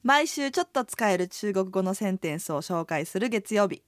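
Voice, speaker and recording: A woman's voice: mid-range voice, normal speed, dry recording, studio quality. A woman who runs an inn, co-hosting a radio language lesson and explaining phrases in a friendly, explanatory way. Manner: lively, explanatory, friendly presenting. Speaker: inn proprietress and co-host.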